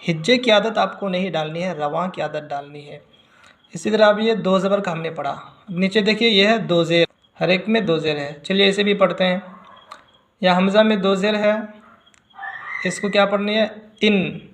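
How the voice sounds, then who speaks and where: A man's voice: high voice, moderate pace, a bit bright, heavy reverb. A man teaching Quran reading, patiently explaining and repeating syllables one by one for learners. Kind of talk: slow step-by-step recitation lesson.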